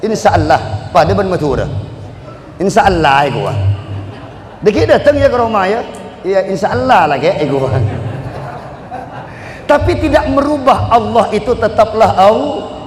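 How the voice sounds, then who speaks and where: A male preacher from the Bugis region, giving a lively, joking sermon and chanting Arabic verses in a drawn-out sing-song. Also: sits high, slight background noise. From Bugis, South Sulawesi. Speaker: Islamic preacher. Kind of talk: sermon to a live congregation. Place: large hall at a religious gathering. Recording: echoey hall with long reverb.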